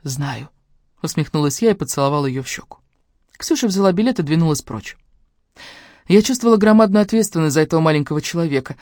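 A woman narrating a romance novel in the first person, with an expressive, emotional reading. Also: low-pitched, quick pace, dry recording, clean studio sound. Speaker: audiobook reader.

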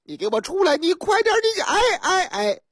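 A woman's voice: sing-song, slightly rough, no room sound, clean studio sound. A woman doing a hot-headed young husband. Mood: impatient. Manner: squabbling, repeating himself faster and higher.

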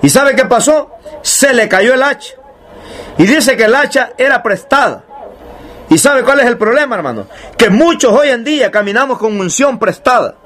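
Delivering a sermon, this preacher has a very high, slightly bright voice with lively intonation. He's emphatic and repetitive, poses rhetorical questions, and reads scripture aloud at a slower pace.

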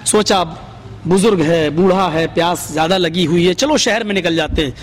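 Picture a high-pitched man preaching to a seated gathering, spinning a story in sermon form. He grows dramatic and lifts his voice whenever he quotes someone. A faint hum of noise sits under him. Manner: dramatic, voice rising for quoted speech. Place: gathering before a seated audience.

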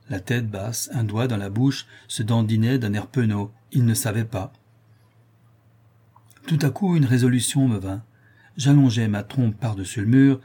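Male audiobook reader, calm literary narration, warm dark tone, a little raspy. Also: medium pitch.

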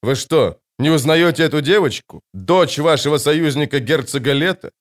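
A man's voice: fairly high pitch, animated, normal speed, natural voice. A cold, imperious emperor gives orders with dry sarcasm, as a male reader voices him. His voice stays level and in control. It sounds like a storybook reading. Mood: commanding. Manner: commanding, sardonic.

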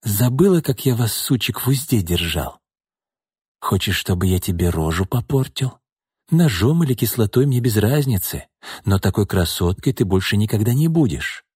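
A man's voice: very animated, moderate pace, darkish tone, husky, no echo, studio quality, exaggerated voice. A man reading an audiobook voices a smug, menacing middle-aged thug who mocks and threatens. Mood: sneering. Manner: sneering, mocking, low menacing threats.

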